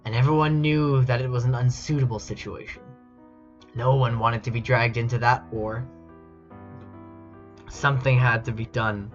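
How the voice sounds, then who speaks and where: With background music under a dull lo-fi mic, a man casually streams himself reading fan fiction aloud, amused, incredulous and mock-dramatic. His voice is medium-pitched with fairly even intonation, at normal speed with long pauses.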